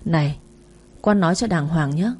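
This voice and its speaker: A woman narrating as a gruff tattooed street thug. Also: deep voice, moderate pace, darkish tone. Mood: threatening. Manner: gruff, threatening, demanding.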